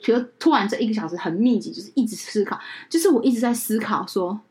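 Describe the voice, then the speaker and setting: A young woman rattles off a story at a quick clip in a middle-range voice. She talks in casual podcast style and slips into the voices of the people she quotes. The tempo stays brisk throughout. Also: mid-range voice. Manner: animated, acts out quoted people. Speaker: podcast co-host and wedding emcee.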